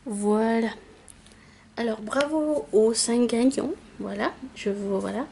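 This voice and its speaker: A woman YouTuber casually announces giveaway winners in a vlog-style chat, speaking slowly and hesitantly with lots of fillers. Her slightly high voice has vocal fry and a dark tone, with a little hiss or hum.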